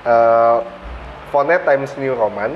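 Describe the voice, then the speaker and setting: A man's voice: mid-range voice, slow. A man in his late twenties with a Jakarta accent, speaking casually in colloquial Jakarta slang. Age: late 20s. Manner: colloquial, peppered with filler slang and English words. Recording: muffled, with clear background noise.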